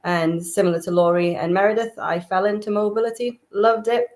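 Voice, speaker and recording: A woman client success manager introducing herself on a webinar, upbeat and brisk. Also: mid-range voice, steady tone, darkish tone. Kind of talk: panel introduction.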